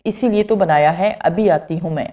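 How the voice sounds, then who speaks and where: Brief: woman voicing a playful, loving young girl in a storybook, mellow and low. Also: lightly acted. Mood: affectionate. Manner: affectionate, teasing.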